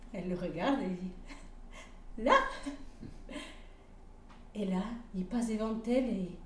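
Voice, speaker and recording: A woman telling a personal story aloud at a live event, lively and often pausing with hesitations. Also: medium pitch. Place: community hall. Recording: roomy hall, distant mic, faint noise.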